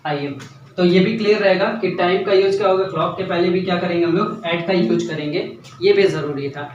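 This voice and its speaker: Talking a little fast in a high voice, a young man teaches grammar, repeating key ideas and often asking if students follow. The audio is lo-fi with slight background noise, recorded at a distance in a room with echo.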